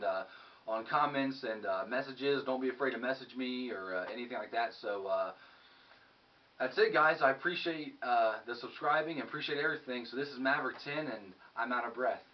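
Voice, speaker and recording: A man's voice: medium pitch, slight background noise. A young man giving a casual, rambling tour of his game room, cracking jokes with mock-serious asides while someone films him. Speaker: YouTube vlogger. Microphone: camera held by someone filming. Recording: muffled audio from a distant camera.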